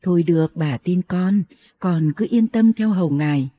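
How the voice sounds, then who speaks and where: A woman reading an audiobook, voicing a very old, wary grandmother who talks slowly and solemnly. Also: on the low side, warm tone, close to an everyday voice. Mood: softened. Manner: slow, measured, solemn.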